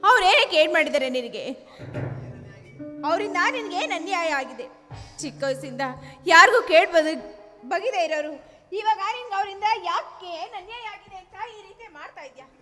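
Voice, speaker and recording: A woman's voice: extremely high pitch, normal speed, long pauses, fairly bright tone. A woman playing a devoted young daughter in a village stage drama, crying and pleading tearfully. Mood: angry. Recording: stage recording with music behind.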